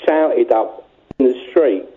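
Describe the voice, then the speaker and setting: A man's voice: medium pitch, slow. A man calling in to a radio show over a speakerphone line, cheeky and jokey, chuckling often as he chats. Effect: heard over a speakerphone line. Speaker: caller. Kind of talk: casual chat on a call-in radio show. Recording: tinny phone line.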